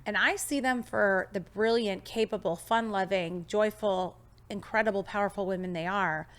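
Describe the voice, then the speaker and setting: At medium pitch and normal speed, her intonation stays fairly even. The woman, in her thirties, hosts a cheerful studio podcast, delivering a scripted intro and then talking with her guest in a bubbly, enthusiastic manner.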